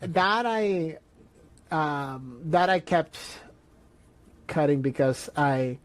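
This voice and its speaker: A man's voice: fairly high pitch, expressive, takes it slowly. A young man from Peru chatting casually as a podcast guest, hesitant with many fillers and restarts. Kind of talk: casual chat.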